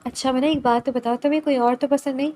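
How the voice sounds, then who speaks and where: A woman's voice: high-pitched, steady tone, a little mellow, lightly acted. Woman voicing a teasing young suitor. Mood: soft.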